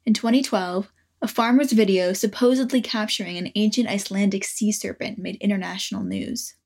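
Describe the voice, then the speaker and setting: A woman narrating a documentary in a thoughtful, measured scripted way. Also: medium pitch, steady tone, a little mellow, slightly rough.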